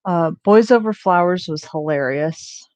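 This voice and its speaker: A woman's voice: on the low side, unhurried, a little mellow, no room sound. A young woman in casual, rambling chat, full of ums and restarts, with the odd curse thrown in. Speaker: vlogger.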